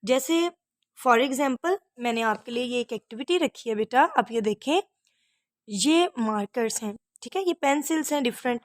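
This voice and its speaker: A woman's voice: a little high, lively intonation, moderate pace, no echo. A woman teacher reading a story and then explaining a lesson to children, patiently repeating difficult words. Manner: addresses pupils as "beta".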